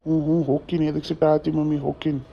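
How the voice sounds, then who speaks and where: Guy doing a shy newlywed son, north karnataka kannada accent, gravelly flat voice, bit dull recording. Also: a little high, rapid-fire, a little hiss or hum. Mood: pleading. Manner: hesitant, pleading. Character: pleading newly married young son. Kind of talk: comedy skit acting.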